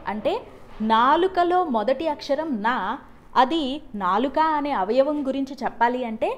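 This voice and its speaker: Young woman, high voice, addresses a festival crowd like a teacher and has them repeat words. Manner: warm teacherly, asks the audience to repeat words. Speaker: speaker addressing a Telugu cultural event. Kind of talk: prepared speech with sung song.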